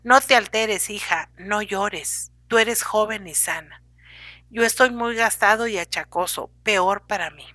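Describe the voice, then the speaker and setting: A woman's voice: medium pitch, a little slow, pushed and bright, dry recording. A woman reading as a sick, reproachful old husband. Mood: pleading. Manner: lecturing, complaining, pleading. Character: ailing older husband, stern and reproachful.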